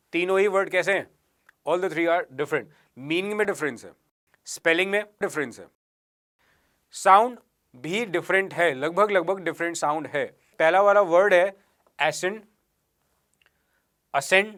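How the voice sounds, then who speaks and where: A man teaching an exam-prep English vocabulary lesson, mixing Hindi and English, explaining slowly and spelling words out letter by letter. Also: high-pitched, a bit bright. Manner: mixes Hindi and English, addresses viewers as guys and friends.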